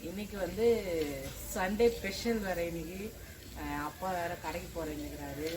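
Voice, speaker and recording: A woman's voice: fairly low pitch, normal speed. Chatty young woman vlogging outdoors. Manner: chatty, addresses viewers as friends. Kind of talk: casual vlog narration. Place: outdoors at a village house and street. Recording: noisy outdoor phone recording.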